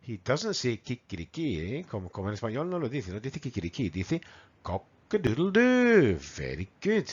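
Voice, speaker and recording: Lively Spanish-accented man teaching vocabulary. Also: medium pitch, slightly rough, muffled recording. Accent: Spain Spanish. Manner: animated, mimics animal sounds, repeats words slowly. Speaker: English teacher. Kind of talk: bilingual vocabulary lesson.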